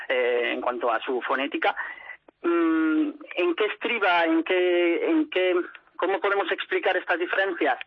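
A man's voice: fairly high pitch, breathy edge, no echo. A man from Madrid, a guest speaking on the phone in a radio interview, answering thoughtfully with many restarts. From Madrid, Spain. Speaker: phone guest, language expert. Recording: muffled phone line.

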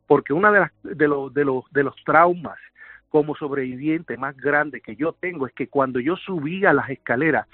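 A man's voice: on the high side, no echo. A man giving an emotional first-person survivor's account in an intense, vivid way. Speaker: survivor interviewee. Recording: tinny phone line.

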